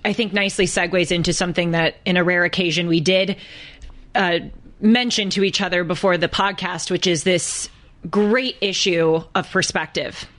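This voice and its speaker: A woman co-hosting a podcast, telling a story in an earnest, halting way. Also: fairly low pitch, steady tone, a bit bright. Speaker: podcast co-host. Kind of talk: casual podcast conversation.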